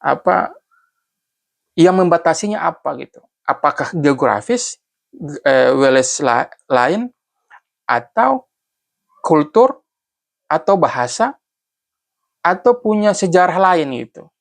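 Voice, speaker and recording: A man from Central Sulawesi in Indonesia, an author casually talking through his essay and thinking aloud, often pausing and restarting. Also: fairly high pitch, animated, creaky. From Banggai Laut, Central Sulawesi, Indonesia. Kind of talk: casual spoken commentary.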